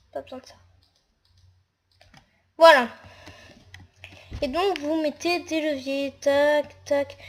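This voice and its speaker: A woman talking through a casual game tutorial while she builds, hesitant and full of fillers. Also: high voice. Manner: hesitant, narrates actions with fillers.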